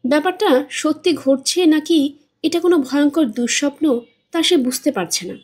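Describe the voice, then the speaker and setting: A woman narrating a novel as a storyteller, steady and expressive. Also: high voice, normal speed. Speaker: storyteller, audiobook reader. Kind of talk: novel reading.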